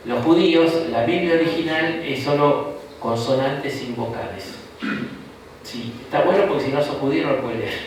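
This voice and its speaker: A man's voice: medium pitch, normal speed, far from the mic, a little hiss or hum. A man with an Argentine accent, a bishop giving an informal Bible class, chatty and jokey, often tagging sentences with a questioning "no?". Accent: Rioplatense Argentine Spanish. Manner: chatty and jokey, with frequent rhetorical "¿no?". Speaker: bishop teaching a Bible course. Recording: echoey room recorded from afar.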